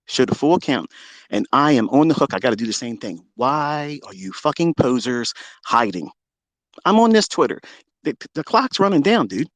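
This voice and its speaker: A man's voice: very animated, normal speed, no room sound. Profane, boastful man in a dry close room. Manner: profane, boastful, taunting, swings from loud to low. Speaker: trading mentor. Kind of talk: combative live-audio rant. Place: home, on a live audio room call.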